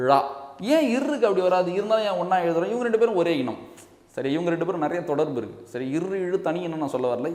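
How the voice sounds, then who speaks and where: A man's voice: on the high side, darkish tone. Male Tamil teacher in an echoey room. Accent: Tamil Nadu Tamil. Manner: explains step by step, often checks with "சரியா?"; sounds out letters slowly for students to copy. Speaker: exam-prep Tamil teacher. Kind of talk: classroom-style lesson. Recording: echoey room with long reverb.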